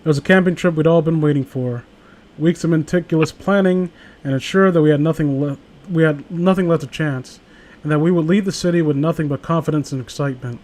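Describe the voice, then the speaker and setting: Reading a story casually alongside a friend, a man speaks a little fast in a fairly high voice with a darkish tone. He's sarcastic and profane, joking and breaking off his reading for asides.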